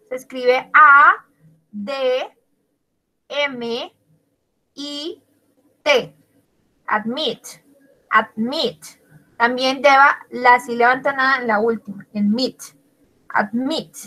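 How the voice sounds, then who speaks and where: A woman's voice: high-pitched, bright, forceful tone, poor audio. A woman teaching an English grammar class in Spanish, spelling out words letter by letter and praising her students by name. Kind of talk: online class explaining grammar.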